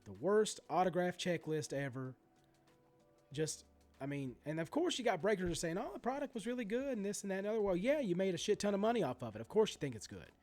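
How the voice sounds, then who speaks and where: This ranting commentary comes from a middle-aged sports card channel host at home, sounding indignant, congested, and sore-throated. His high, slightly mellow voice is animated and brisk, with faint music in the background.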